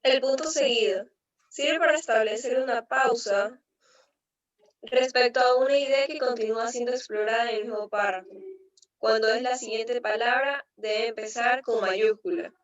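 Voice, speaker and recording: Young woman reading, away from the mic. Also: moderate pace. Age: young adult. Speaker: student presenter. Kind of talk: class presentation. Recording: distant, muffled low-fi recording.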